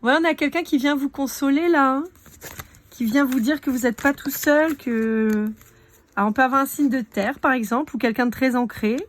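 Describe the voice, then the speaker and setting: A woman's voice: sits high, normal speed, dry recording. A woman giving a casual live card reading, chatting directly to her viewers. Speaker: tarot card reader.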